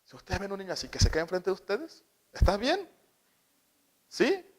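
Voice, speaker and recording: A man with a fairly high voice gives a talk to parents on how children develop. He keeps asking his listeners questions and slips into short acted-out quotes to make his points. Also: rapid-fire, a bit bright. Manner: asks the audience questions and acts out little quoted scenes.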